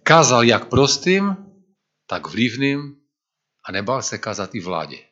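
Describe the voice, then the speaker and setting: A man's voice: medium pitch, big pitch swings, fairly bright tone, highs cut off. A man preaching a sermon to a congregation, speaking earnestly and rising to emphatic declamation when he quotes scripture.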